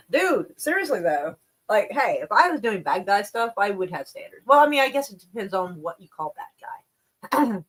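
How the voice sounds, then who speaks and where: A woman's voice: on the low side, a bit bright, poor audio. A woman chatting casually on a live stream about the news, rambling and wry, with plenty of swearing. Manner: profane, laid-back, wry.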